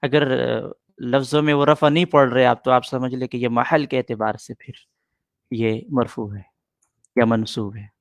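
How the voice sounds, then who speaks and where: A patient middle-aged man teaching a grammar class, going over each rule more than once. His voice has an average pitch and sounds close and dry, with no room echo. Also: fairly even intonation. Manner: patient, repeats points and answers students' questions.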